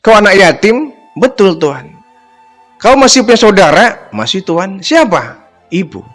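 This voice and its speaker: A man voicing a humble young orphan boy who answers softly and obediently. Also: sits high, very animated, unhurried, soft background music, voice pushed up, full character voice. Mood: meek. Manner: soft, deferential replies.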